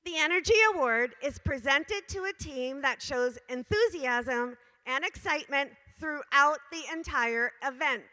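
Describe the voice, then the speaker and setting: Slightly hoarse woman announcing awards. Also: high voice, sharp tone. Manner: upbeat, drawn-out announcements to a crowd. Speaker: awards presenter. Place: large indoor competition venue. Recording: reverberant hall.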